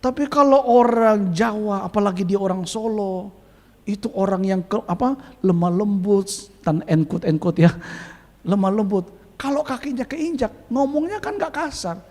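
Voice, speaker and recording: A male pastor preaching a sermon in a lively way, quizzing the congregation and calling for amens. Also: high-pitched, moderate pace. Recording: long hall reverb.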